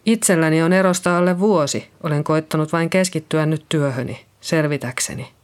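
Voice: medium pitch, lightly acted. An audiobook reader voicing a shaken middle-aged woman nurse who is being questioned by police, talking in a hesitant, apologetic way. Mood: nervous. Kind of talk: audiobook character reading.

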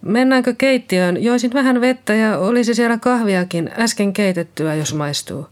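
A reader voicing Liisa, a nervous middle-aged nurse who found a body and speaks in a hesitant, shaky way. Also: female voice, medium pitch, voice pushed up, close to an everyday voice. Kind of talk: audiobook reading.

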